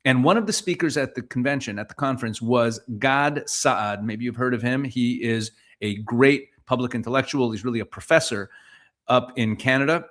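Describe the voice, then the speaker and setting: A man's voice: mid-range voice, moderate pace, fairly bright tone. A man hosting a commentary show, speaking conversationally and directly to viewers. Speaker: show host. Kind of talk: commentary introduction.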